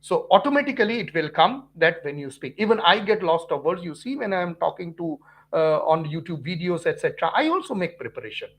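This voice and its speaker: A man's voice: a little high, sing-song, fairly quick, fairly bright tone. Earnest Indian man teaching live. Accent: Indian English. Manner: earnest, repetitive, frequent fillers and restarts. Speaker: physics teacher hosting a live stream. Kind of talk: casual live Q&A with viewers.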